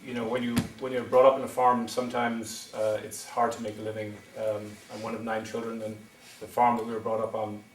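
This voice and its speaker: A middle-aged wind energy developer from County Wexford, Ireland, addresses a town meeting in a hesitant way, with plenty of ums and restarts. His low voice has little pitch movement, runs a little fast, and leaves few pauses. Slight background noise comes through in the echoey hall, recorded from far off.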